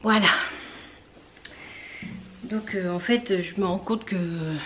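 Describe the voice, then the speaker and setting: A woman hosting a knitting video podcast from home, chatting casually with many fillers, pausing to search for words and things. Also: mid-range voice, a little hiss or hum. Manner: chatty, talks straight to viewers. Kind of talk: casual show-and-tell chat.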